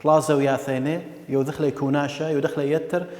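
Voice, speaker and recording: A man's voice: a little high, level tone, quick pace, a little mellow. Patient male teacher in an echoey room. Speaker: maths teacher. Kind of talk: classroom lesson.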